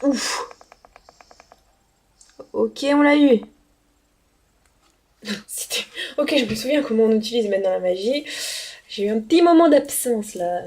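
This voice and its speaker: A woman's voice: a little high, expressive, a little slow, long pauses, a little mellow. Chatty woman commenting on gameplay. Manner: chatty, self-mocking. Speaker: let's play host.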